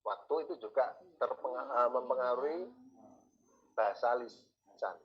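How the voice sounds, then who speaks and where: A man's voice: medium pitch, moderate pace, lo-fi sound. A man teaching a university class, repeating key words and asking his students questions. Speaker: university lecturer. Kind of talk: classroom lecture.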